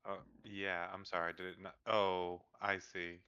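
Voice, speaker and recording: A man's voice: low voice, flat delivery, measured pace, bright, forceful tone, clean tone. A man talking casually as a tabletop game player, sounding unsure and asking questions. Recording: dull lo-fi voice recording.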